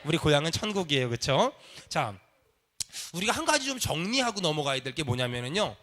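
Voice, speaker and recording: Bright, high-voiced preacher leading a congregation. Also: male voice, very animated, a little fast, a little hiss or hum. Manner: leads the congregation in call and response. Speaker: pastor. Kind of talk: sermon. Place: church sanctuary.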